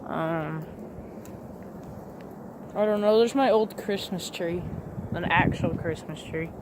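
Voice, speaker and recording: Perched in a tree in the woods for a casual vlog, a man speaks slowly through a gender swap filter that turns his high voice female-sounding. Heavy background noise surrounds his hesitant, rambling talk, which is packed with fillers.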